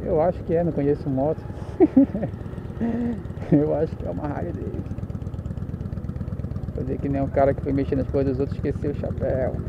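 Riding his motorcycle through the streets, a chatty vlogger from Pará, Brazil, talks in a Paraense Brazilian Portuguese accent at a moderate pace, his voice gravelly and a bit higher than most men's. He jokes, corrects himself and pauses often. Loud engine and traffic noise sit behind his muffled voice.

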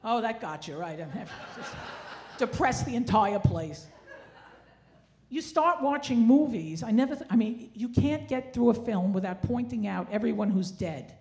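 On a theatre stage indoors, a sixty-something woman kvetches wryly and self-deprecatingly in a Yiddish-inflected stand-up routine, handheld stage mic in hand. Her voice is fairly high, animated and a little mellow, at a moderate pace, with live stage ambience and clear noise in the recording.

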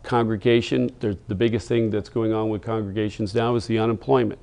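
A man's voice: fairly low pitch, steady tone, fairly quick, vocal fry, darkish tone. A man on a TV studio panel, speaking in a practical, business-minded way and posing rhetorical questions. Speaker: panel guest. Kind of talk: panel discussion on a TV talk show. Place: TV studio set.

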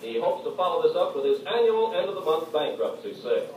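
A man playing a pompous, brisk store announcer in 1940s radio comedy, on an old recording. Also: a little high, big pitch swings, heavy reverb, distant mic, lo-fi sound, slight background noise. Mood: grandiose. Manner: grandiose, rapid announcer delivery.

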